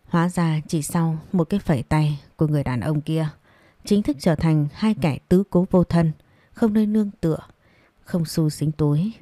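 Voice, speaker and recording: A woman narrating a romance audiobook in a steady, measured reading. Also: low voice, no echo. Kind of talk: storybook narration.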